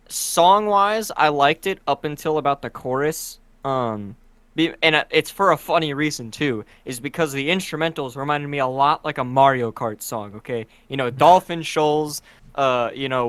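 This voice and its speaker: A man's voice: mid-range voice, moderate pace, a bit bright, clean tone, no room sound. A man co-hosting a podcast in casual chat, rambling and searching for words as he talks. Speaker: podcast co-host.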